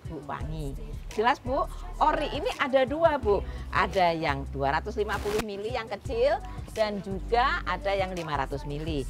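Lively woman hosting an outdoor cooking show. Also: lowish voice. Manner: chatty, instructive, keeps addressing the audience as "Bu". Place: outdoor street cooking stage. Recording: music playing behind.

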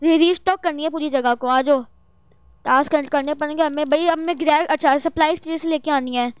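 A woman chatters through horror gameplay in a high, bright register. She is excitable and jittery, bursting into loud exclamations as she plays. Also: brisk, no room sound. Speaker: gaming vlogger. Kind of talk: Roblox horror gameplay commentary.

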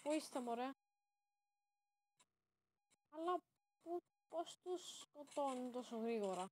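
A woman commenting casually on her own game as she plays, excitable and prone to sudden shouted exclamations. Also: high-pitched, slight background noise. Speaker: gaming channel host.

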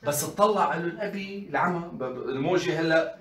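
Animated man lecturing in an echoey hall. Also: on the high side, quick pace. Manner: animated, rhetorical questions, acts out quoted speech. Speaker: lecturer on parenting. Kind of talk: colloquial lecture to mothers. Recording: echoey room, voice from a distance.

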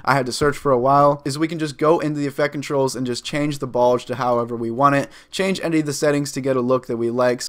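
A man in his twenties giving an upbeat, step-by-step screen-recorded software tutorial from a desk in a small room. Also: mid-range voice. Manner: upbeat, instructive, walks through each click step by step. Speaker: video editing tutor.

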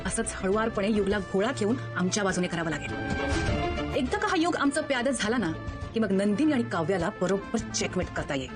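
An actress playing a scheming young woman in a TV serial, coaxing and falsely sweet, heard in a clip with loud background music. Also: medium pitch, sing-song, brisk, close to an everyday voice. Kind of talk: TV serial acting.

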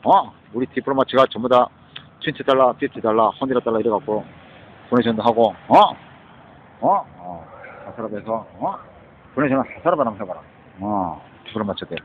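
Man, rambling street vlogger, pitch swings up and down a lot, keeps throwing in questioning grunts, muffled recording. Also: lively intonation, brisk, long pauses. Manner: rambling, mixes English words into his talk, keeps interjecting short questioning grunts. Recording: dull lo-fi recording with faint background noise.

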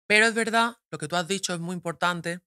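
A woman talks openly in a podcast studio, her voice bright and forceful. She is frank and confessional, pausing to reflect. The sound is dry and close on a studio mic. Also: on the low side, no echo. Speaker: guest, actress. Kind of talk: candid personal conversation.

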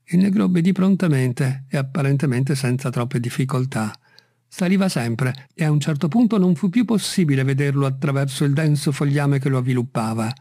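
Un uomo che legge ad alta voce un racconto, con una narrazione misurata e letteraria. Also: male voice, on the high side, mellow, no echo, clean studio sound. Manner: measured, literary reading. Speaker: audiobook reader. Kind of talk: scripted narration.

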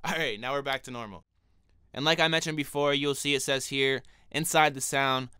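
In this laid-back product review vlog, a young man who has a cold talks directly to viewers about a microphone from his small home studio. He's a music producer with a higher-pitched voice, easygoing and chatty, speaking into the studio condenser mic standing in front of him. The sound is clear and resonant, recorded dry.

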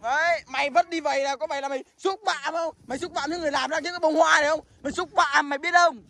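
A performer voicing a brash young male skeleton who lectures his friends and shouts at them in a cartoon skit. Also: sits high, steady tone, quick pace. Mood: lecturing. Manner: scolding, lecturing, bursting into shouts.

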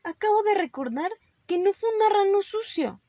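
A woman's voice: very animated, normal speed, dry recording, clean studio sound. Woman voicing a nervous little boy bunny. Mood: pleading. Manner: stammering, pleading and high-pitched. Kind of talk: storybook read-aloud.

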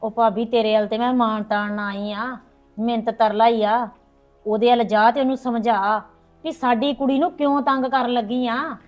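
A woman's voice: fairly high pitch, fairly even intonation, moderate pace, darkish tone, soft background music, lightly acted. A middle-aged woman playing a worried mother who visits her sister-in-law and pleads anxiously for help, in a family drama. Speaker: character in a family drama vlog. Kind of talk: hobby village family drama.

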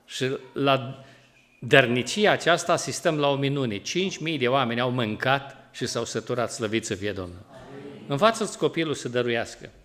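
A man with a Romanian accent preaching a sermon in a church. He talks in a lively way, gets loud to drive points home and acts out everyday quarrels in a colloquial voice. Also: mid-range voice. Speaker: pastor. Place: church hall.

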